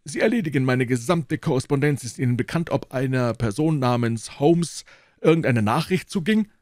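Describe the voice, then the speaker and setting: A man voicing an older, hostile male professor with a high, screeching voice and a sharp, agitated manner, in an audiobook reading. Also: lively intonation, moderate pace, no echo, clean studio sound, close to an everyday voice. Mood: furious. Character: hostile old male professor, shrill and suspicious.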